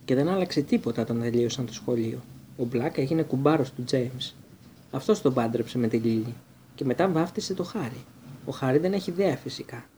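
A man doing a smooth, pompous wizard minister. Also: medium pitch, dark tone, a little hiss or hum, close to an everyday voice. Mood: confiding. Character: pompous middle-aged male wizard minister.

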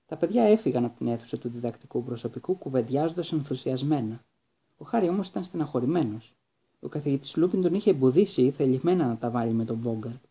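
A man narrating an audiobook, reading a story in a steady, even storytelling manner. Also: mid-range voice, breathy edge.

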